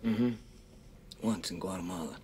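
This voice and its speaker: An actor playing a calm, dry-humored army commander who gives clipped orders in a hushed voice. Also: male voice, deep voice, normal speed, noisy background, lightly acted. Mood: storytelling, hushed. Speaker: commanding officer. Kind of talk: film dialogue.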